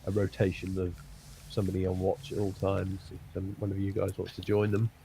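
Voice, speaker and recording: A man running a tabletop game as dungeon master, describing the scene haltingly with many ums and uhs. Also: low voice, monotone, creaky, warm tone, a little hiss or hum.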